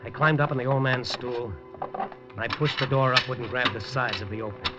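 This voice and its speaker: Loud music backs a natural, medium-pitched man's voice going a little fast. An actor leads the narration of a 1950s radio drama as a hard-boiled reporter, dry and terse, full of wisecracks. The broadcast audio is dull.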